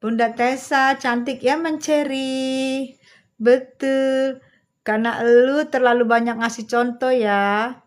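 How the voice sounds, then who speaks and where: A middle-aged woman hosting a livestream on a phone, chatting with viewers in a sassy, teasing, slangy manner and speaking slowly and carefully. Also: high-pitched, fairly even intonation. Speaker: livestream host. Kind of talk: casual livestream chat reading viewer comments.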